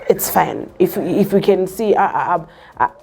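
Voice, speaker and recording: A woman's voice: on the low side, expressive, normal speed, creaky, a little mellow, faint music behind. A young South African woman with a Zulu-tinged accent, talking earnestly in a casual chat and switching between English and Zulu. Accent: South African, Zulu-speaking.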